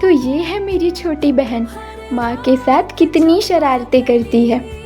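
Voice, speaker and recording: A woman's voice: sits high, takes it slowly, mellow, soft background music. A woman voicing a sorrowful young woman trapped as a flower in a cartoon story, speaking in a wistful inner monologue.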